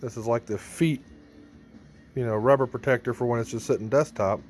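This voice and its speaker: A man with a medium-pitched, darkish voice narrates a gear vlog briskly and casually, thinking out loud as he rebuilds his band's PA rack. Soft music plays underneath.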